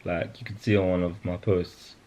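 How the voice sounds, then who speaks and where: A man chatting with his wife in a vlog as husband and father, soft-spoken and halting, trailing off quietly. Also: low-pitched, little pitch movement. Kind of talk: casual chat.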